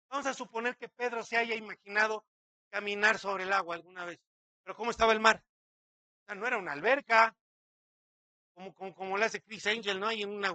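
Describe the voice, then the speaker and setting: Forceful, bright-voiced pastor preaching. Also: male voice, high voice, no room sound. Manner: dramatic, acts out quotes, many rhetorical questions. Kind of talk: sermon.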